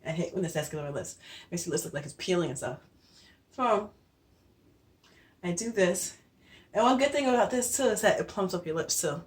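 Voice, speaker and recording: A woman's voice: on the low side, expressive, brisk, pauses often. A young adult woman giving a casual skincare tutorial, chatty and out of breath, with many fillers and restarts. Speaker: beauty vlogger.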